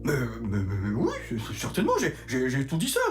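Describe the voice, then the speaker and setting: A woman's voice: a bass voice, wildly swooping pitch, fairly quick, music in the background, heavily acted. A woman playing a sheepish, bumbling young cartoon character who stammers evasively. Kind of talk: French animated cartoon acting.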